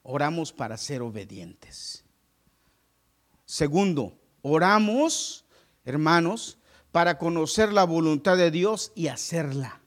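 A male pastor preaching a sermon to his congregation, moving between loud exclamations and hushed asides. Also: on the high side, expressive, slow.

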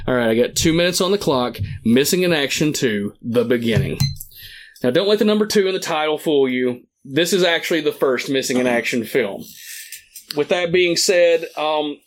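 A man with a slightly high voice argues his movie pick on a casual podcast. He is enthusiastic and rambling, full of fillers and curses. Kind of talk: casual debate chat.

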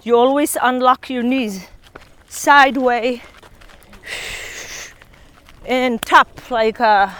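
A woman's voice: on the high side, extremely slow, pauses often, fairly bright tone. Encouraging woman coaching a runner outdoors. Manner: encouraging, instructive. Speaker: running coach. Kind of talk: coaching on the run. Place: outdoors on a hilly trail.

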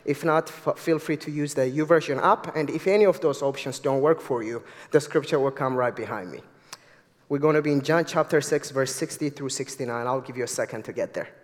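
Young Ethiopian-accented preacher in a reverberant church. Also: male voice, medium pitch, brisk. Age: 20s. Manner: earnest, eager. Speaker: guest preacher. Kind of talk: sermon. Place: church sanctuary.

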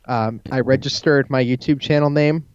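A man hosting a podcast with casual banter, talking haltingly and repeating words as he goes. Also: medium pitch, steady tone, darkish tone, clean tone, dry recording, highs cut off. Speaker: podcast host. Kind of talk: casual banter between co-hosts.

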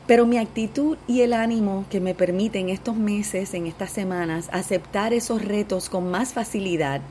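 A woman's voice: medium pitch, dark tone. A Puerto Rican woman talks straight to her listeners in a chatty, upbeat monologue. Her voice sits in a middle register. A faint hiss runs beneath it. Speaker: podcast host. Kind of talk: personal podcast intro monologue.

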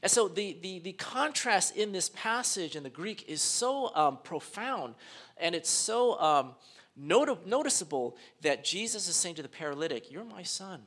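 A pastor preaching in a conversational, unpolished way, his slightly high voice full of fillers and self-corrections. He acts out quoted speakers, often sinking to a quieter, lower voice for emphasis. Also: big pitch swings, normal speed. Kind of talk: sermon.

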